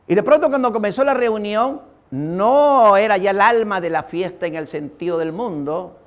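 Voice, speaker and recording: High-voiced preacher man. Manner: storytelling, addresses listeners as brother. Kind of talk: sermon with personal testimony.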